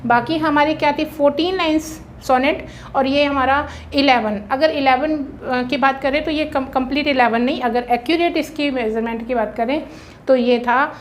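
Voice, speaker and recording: This is an Indian woman with a high voice teaching an exam-prep lesson. She explains patiently and pauses often to check that her students follow. When she drills rhyme schemes, she spells them out slowly, letter by letter. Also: fairly even intonation, a little hiss or hum.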